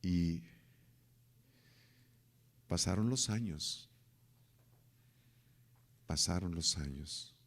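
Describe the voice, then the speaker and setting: A man's voice: sits low, drawn-out words, vocal fry, pauses often. A man preaching as a pastor, telling a story dramatically and acting out the voices of the people in it. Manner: dramatic storytelling, acting out quoted voices, rising to near-shouting at climaxes. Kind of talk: sermon storytelling.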